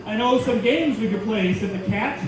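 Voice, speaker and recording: A man's voice: sits high, normal speed, lightly acted. A man doing a mock-sweet storytime teacher, echoey venue. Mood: mock-innocent. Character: elementary teacher reading storytime, sugary yet crudely inappropriate. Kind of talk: stand-up comedy act-out. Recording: very echoey venue, distant mic, loud crowd, noise.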